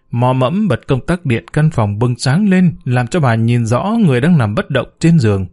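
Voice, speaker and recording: A man's voice: medium pitch, dark tone. A man reading a suspense story aloud with dramatic storytelling. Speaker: narrator. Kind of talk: audiobook story narration.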